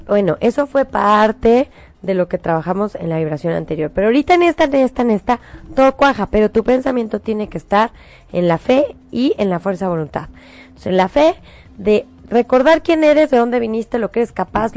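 A middle-aged Mexican woman, a show host, giving spiritual advice in a coaxing, animated way. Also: medium pitch, fairly quick. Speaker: host giving angel predictions.

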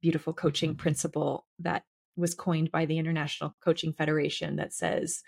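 A woman co-hosting a podcast and working as a coach, talking in a reflective, halting way with many fillers. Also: sits low, level tone, gravelly, darkish tone, breathy edge. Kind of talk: casual podcast conversation.

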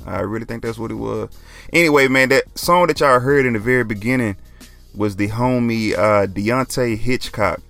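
Laid-back man with gravelly voice. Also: medium pitch, moderate pace, fairly bright tone, no room sound, faint music behind. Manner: laid-back, joking, says "man" a lot. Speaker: podcast host. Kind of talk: casual solo podcast talk.

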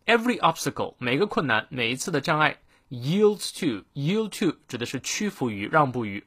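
A man hosting a short daily English lesson, explaining a quote word by word and slowing down to model its pronunciation. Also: mid-range voice, fairly bright tone. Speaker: English teacher, host of a daily morning reading show.

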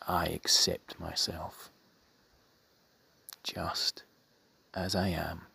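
A low-voiced man leads a guided meditation softly, his tone level throughout. He speaks in a calming, breathy half-whisper, with measured phrasing and long pauses.

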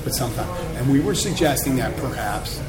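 With a Philadelphia accent and a mid-range, expressive voice, this show host talks briskly through a loose radio-style conversation, teasing and wandering off topic. The space sounds large, and the crowd is loud.

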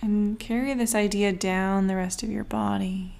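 Creaky-voiced woman breathing coach. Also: mid-range voice, fairly even intonation, a little mellow. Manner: soothing, unhurried, with long pauses between short phrases. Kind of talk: guided breathing meditation, breathing coach instruction.

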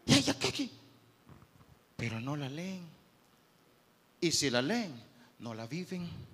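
Animated male preacher in a reverberant church. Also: on the high side, measured pace, slightly rough. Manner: animated preaching, swings from soft to loud, acts out churchgoers. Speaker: pastor. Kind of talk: sermon. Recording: long hall reverb.

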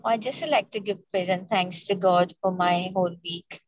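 A woman's voice: fairly low pitch, steady tone, moderate pace. A woman giving an informal, thankful testimony of faith to a prayer group over an online call. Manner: devout, thankful. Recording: dull, muffled call audio.

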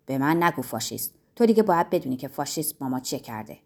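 A man's voice: mid-range voice, very animated, a little mellow, voice pushed down. A woman voicing a proud, homesick young man who speaks earnestly and insistently in a story. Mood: earnest, indignant.

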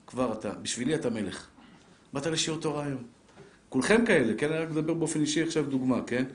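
This is a live Torah lesson given by a middle-aged rabbi, his male voice sitting in the mid range. Speaking to a seated audience in an echoey lecture room, he stays lively and keeps throwing rhetorical questions straight at his listeners.

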